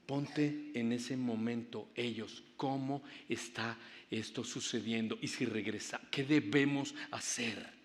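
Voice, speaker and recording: A man's voice: mid-range voice, fairly even intonation, slow pace. A male pastor preaching a Good Friday sermon, retelling scripture vividly and dramatically, with spoken sound effects. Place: church sanctuary. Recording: long church reverb.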